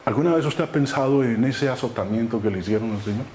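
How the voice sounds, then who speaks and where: A man preaching a sermon, swinging between loud emphatic lines and low hushed phrases. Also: fast. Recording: very echoey room with faint noise.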